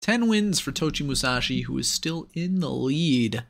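A man's voice: medium pitch, animated, a little slow, gravelly. A man giving a casual, analytical voice-over breakdown of sumo matches, upbeat and with playful asides. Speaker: sumo commentator. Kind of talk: casual play-by-play video breakdown.

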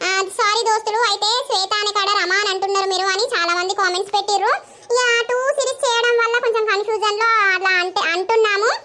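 A woman host gives a friendly, chatty intro to her channel. Her voice is very high and bright. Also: fairly even intonation, quick pace, slight background noise.

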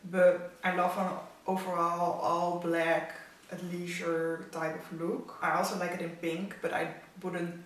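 Talking to camera from her living room, a young woman from the Netherlands, a native Dutch speaker with an accent to match, gives chatty, opinionated takes on outfits as a fashion vlogger. She speaks unhurriedly in a low, level voice, picked up by a distant mic in an echoey room.

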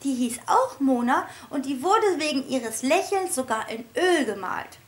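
A woman voicing Mona, a squeaky cheerful pig. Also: expressive, a little slow. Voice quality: high squeaky voice. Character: cheerful little female pet pig, chatty.

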